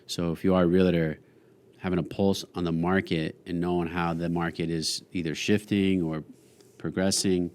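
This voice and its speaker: Very deep-voiced blunt man. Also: little pitch movement, moderate pace, darkish tone, smooth. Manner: blunt, swears freely. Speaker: podcast co-host, realtor. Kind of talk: casual chat.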